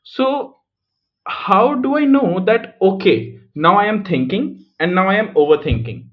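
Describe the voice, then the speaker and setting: A man's voice: high voice, expressive, measured pace. A man hosting a podcast, thinking aloud in a reflective, casual way with frequent restarts. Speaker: podcast host. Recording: muffled lo-fi recording.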